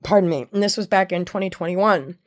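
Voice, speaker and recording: Woman, lowish pitch, candid personal monologue, blunt, profane, halting delivery, searching for words. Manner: blunt, heavy swearing. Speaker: personal storyteller.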